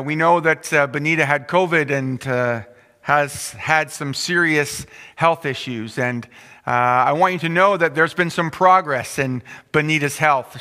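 A middle-aged man, a pastor, giving prayer announcements from a church pulpit in an earnest, halting way with many filler pauses. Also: medium pitch, bright, forceful tone. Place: church sanctuary stage at a pulpit. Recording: long reverb of a church hall.

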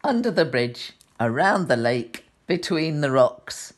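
An older woman reading a picture book aloud to young children in a sweet, gentle grandmotherly way, with chatty asides. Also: deep voice, big pitch swings, slow pace.

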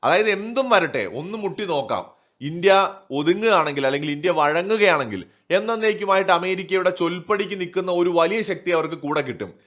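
High-pitched, animated and brisk, with a fairly bright tone, a man offers opinionated political takes as an online news commentator. He argues emphatically and rhetorically, asking and answering his own questions.

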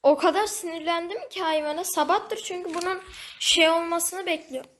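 A woman's voice: very high voice, steady tone, moderate pace, fairly bright tone, a little hiss or hum. A woman giving casual, chatty commentary over her gameplay, talking to the game animal and to her viewers. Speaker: gaming video host.

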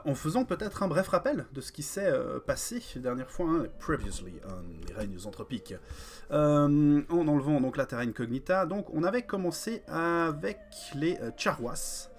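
A man's voice: a little high, normal speed. Hesitant man streaming a strategy game. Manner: hesitant, many fillers, greets chat viewers. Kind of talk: live strategy game commentary.

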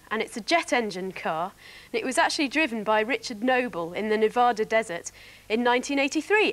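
A young woman presenting a children's TV programme, explaining things clearly and brightly to young viewers. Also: fairly high pitch.

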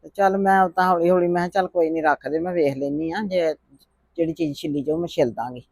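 A man playing a gentle, meek elderly grandmother who talks softly and resignedly, fearing any quarrel. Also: on the high side, steady tone, fast, vocal fry, dry recording. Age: older. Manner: soft-spoken, resigned complaining. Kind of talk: family drama vlog acting.

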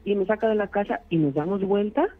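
A man's voice: sits high, quick pace. Caller: man, rambling storyteller, heard through a tinny phone line. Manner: rambling, many "este" fillers. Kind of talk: telling a true scary story.

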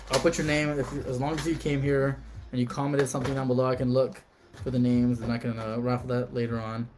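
A man chatting casually on a live stream, reading out card names and talking to viewers. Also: medium pitch.

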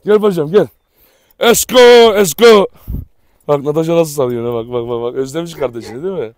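A man with a fairly high voice and lively intonation talks rapid-fire while filming on his dog farm, with barking behind him. In a dry recording, he chats casually and affectionately to viewers while shouting commands at the dogs as he handles them.

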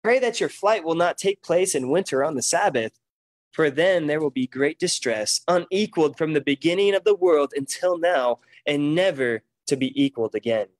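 Young male preacher, high voice, dry sound, emphatic and deliberate as he reads and expounds scripture. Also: no echo. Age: young adult. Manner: emphatic, deliberate public delivery from a lectern. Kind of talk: sermon with scripture reading. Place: meeting room, standing at a lectern.

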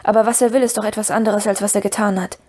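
A woman voicing an earnest male hobbit in an audiobook, calm and firm. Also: medium pitch, very fast, natural voice. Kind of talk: audiobook reading.

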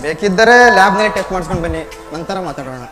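A man acting a doctor who counsels calmly and firmly in a stage drama. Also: sits high. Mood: soothing firm. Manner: reassuring, measured counsel. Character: calm family doctor, soothing and firm. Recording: roomy live stage with loud music.

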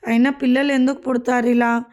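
A woman's voice: a little high, level tone, brisk, a little mellow, natural voice. Woman voicing frightened young wife in labour. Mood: petulant.

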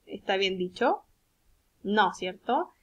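A woman with a Chilean accent, a speech therapist giving a recorded lesson to young children, speaking patiently and slowly and often checking that they follow. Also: mid-range voice, lively intonation, breathy edge. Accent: Chilean Spanish. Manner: patient, slow and deliberate, checks understanding with tag questions. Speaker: speech therapist teaching a virtual class. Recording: dull lo-fi recording.

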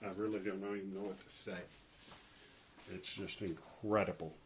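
A man earnestly explaining sounds he found in recordings, reading scripture aloud along the way, sounding awed and dropping low when he talks through what he heard. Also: fairly even intonation, normal speed, a little hiss or hum. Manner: awed, earnest, quotes heard voices softly. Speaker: paranormal recording investigator.

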